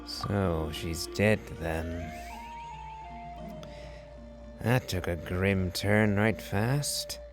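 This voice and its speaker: A man talks through a video game in a dry, sarcastic way. His voice is low and unhurried. Game music plays loudly underneath. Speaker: gameplay streamer. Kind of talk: casual gameplay commentary.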